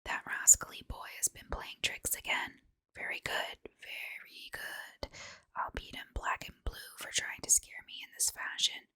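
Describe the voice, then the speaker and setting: A woman's voice: measured pace, sharp tone. Whispered role-play of a crafty old witch, by a woman. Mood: spiteful. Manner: muttering under breath.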